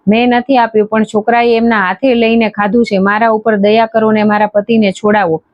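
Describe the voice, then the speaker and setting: A woman voicing a devout, downtrodden young wife in a devotional storybook tale, speaking softly and pleadingly. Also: fairly high pitch, flat delivery, brisk, no echo, dull audio, lightly acted.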